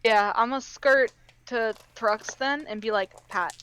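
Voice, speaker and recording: A woman's voice: fairly high pitch, fairly even intonation, unhurried, fairly bright tone, smooth. A woman playing a tabletop game, speaking in casual, slangy chat about her character's moves.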